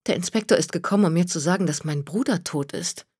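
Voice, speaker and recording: Reader voicing detached TV-drama husband, flat delivery, audiobook. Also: mid-range voice, fast, breathy edge, no echo, studio quality, close to an everyday voice. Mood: stunned. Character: stunned man told his brother died. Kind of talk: audiobook reading.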